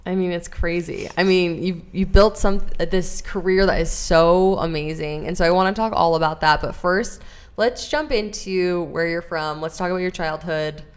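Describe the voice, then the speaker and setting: A young woman hosts a casual podcast, gushing and upbeat with plenty of filler words. Her voice sits a little low. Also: moderate pace. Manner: bubbly, gushing, lots of ums and likes. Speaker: podcast host.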